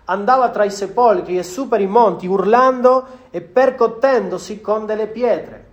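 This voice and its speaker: A man with a notably high voice delivers a sermon as a preacher. He speaks earnestly, restating key phrases for emphasis as he explains the passage to his listeners. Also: normal speed, lo-fi sound.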